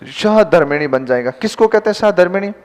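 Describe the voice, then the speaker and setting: A man's voice: sits high, expressive, fairly quick, darkish tone. A man teaching a Hindi grammar class, dictating spelling corrections word by word and quizzing his students, whom he calls "beta". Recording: long reverb in a classroom.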